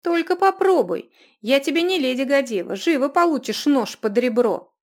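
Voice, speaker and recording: Woman reader playing a hot-tempered female fighter, loud and coarse, storybook reading. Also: high-pitched, expressive, normal speed, pitched above the performer's own voice. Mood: furious. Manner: shouting threats, coarse.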